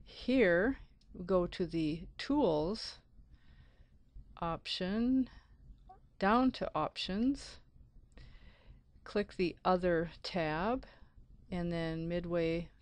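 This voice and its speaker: A woman narrating a screencast software tutorial as an IT support instructor, explaining methodically step by step. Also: lowish voice, extremely slow, pauses often, no echo. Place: close, dry voice-over for a screen recording.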